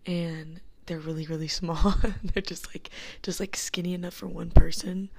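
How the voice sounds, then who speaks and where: A young woman hosts her own podcast from a dorm room, speaking into a tiny handheld mic. Her voice sits low and gravelly, with a husky, breathy grain. She rambles and giggles through lots of fillers, often dropping into a half-whisper on a flat, even line. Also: normal speed. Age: young adult. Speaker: podcast host. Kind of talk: casual solo chat. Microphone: small handheld mic.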